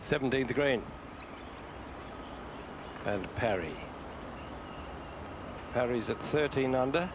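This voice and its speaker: Male golf commentator, gravelly mid-range voice, conversational and sparing, very noisy outdoor broadcast. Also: medium pitch, slow, long pauses.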